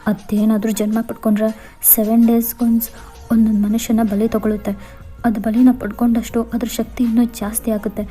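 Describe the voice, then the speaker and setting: Woman playing a hushed, earnest young fiancée. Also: fairly high pitch, lightly acted. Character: young woman, dead fiancée, calm and urgent. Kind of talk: Kannada fan-fiction voiceover.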